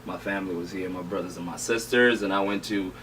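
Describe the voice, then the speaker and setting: A man's voice: deep voice, steady tone, fast, fairly bright tone, recorded from a distance, a little hiss or hum, poor audio. A man from Malawi, an actor, talking about himself in a casual interview in an outgoing, easygoing way. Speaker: guest actor.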